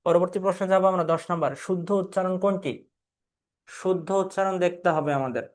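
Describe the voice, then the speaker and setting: A man's voice: high-pitched, quick pace. A young male teacher from Bangladesh going through exam questions in an online class, asking questions, answering them himself and calling out the names of students who got them right. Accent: Bangladeshi Bengali.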